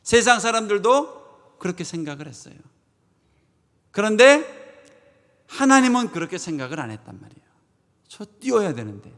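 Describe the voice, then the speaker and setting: A pastor preaching a Sunday sermon, swinging from loud proclamations to hushed asides and asking the congregation rhetorical questions. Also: male voice, high voice, big pitch swings, moderate pace, pauses often. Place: church sanctuary. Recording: long church reverb.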